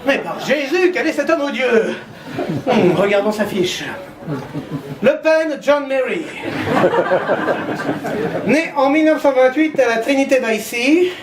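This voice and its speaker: A man's voice: extremely high pitch, animated, a little slow, long pauses, background noise. Mock-pompous male comedian on stage. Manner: mock-pompous TV-doctor parody, theatrical asides. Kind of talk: stand-up comedy sketch. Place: stage before a live audience. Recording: echoey hall with live audience laughing.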